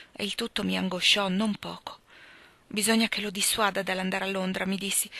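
Woman reader, bright clear tone, dry close sound, acts out dialogue within narration. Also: mid-range voice, no echo. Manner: voices dialogue with louder, slower lines. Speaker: audiobook reader. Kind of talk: literary novel reading.

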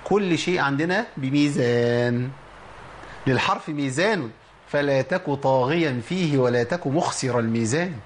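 A man with an Egyptian Arabic accent teaching Quran letter pronunciation, slowly drawing out example words between lively explanations. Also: medium pitch, slight background noise. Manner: slow drawn-out demonstration of words, lively explanatory talk.

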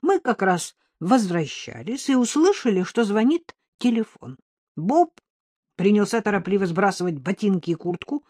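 A woman narrating a storybook in the first person as a playful dog, with an expressive reading. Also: medium pitch, normal speed, no room sound, studio quality. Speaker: audiobook narrator.

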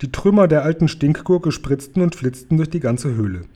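Man with a dark, mellow reading voice. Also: a little high, lively intonation, moderate pace. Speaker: reader. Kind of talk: storybook reading aloud.

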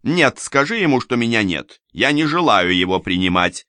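A haughty noblewoman sneers and snaps in a raised, shrill voice, as a male reader puts her on. Her scorn is constant, and the dry, close sound keeps every jab sharp. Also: sing-song, normal speed, dry recording. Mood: dismissive.

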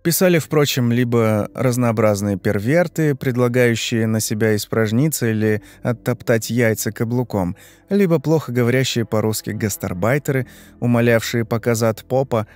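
A man reading a story aloud in steady, matter-of-fact scripted narration. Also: medium pitch, moderate pace. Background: faint music.

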